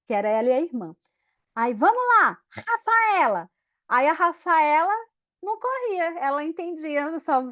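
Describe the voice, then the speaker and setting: A woman giving a lively teacher training talk, acting out classroom scenes in voices. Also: high voice. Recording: dull lo-fi sound.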